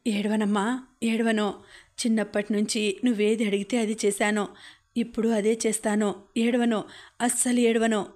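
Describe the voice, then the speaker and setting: A woman's voice: medium pitch, little pitch movement, moderate pace, darkish tone, lightly acted. A woman reading the lines of a grieving elderly father in a choked, pleading way.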